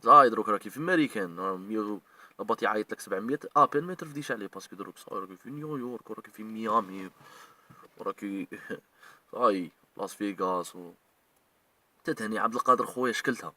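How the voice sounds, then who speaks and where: Fast and forceful, a man's lowish, bright voice comes through with no room sound, recorded from a distance. He is an online commentator with an Algerian Arabic accent, delivering a heated video rant that scolds the people he's speaking straight to.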